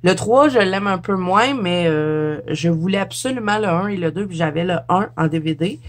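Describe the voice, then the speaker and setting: A woman's voice: lowish voice, normal speed. Chatty Quebec French woman, laughing often. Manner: chatty, laughs often, trips over words. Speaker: YouTuber. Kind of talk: casual show-and-tell vlog.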